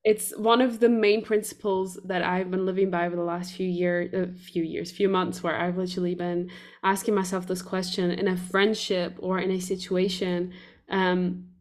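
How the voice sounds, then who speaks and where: A woman hosting a casual podcast, talking loosely and rambling, thinking out loud as she goes. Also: lowish voice, level tone, normal speed. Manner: rambling, loose, lots of fillers and restarts. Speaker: podcast host.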